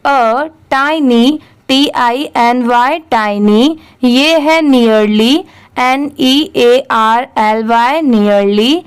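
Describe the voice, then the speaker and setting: A woman's voice: on the high side, drawn-out words, clean tone. A young woman teaching English reading in an online lesson, patiently spelling out each word letter by letter, then saying it whole, and asking the viewer questions she answers herself.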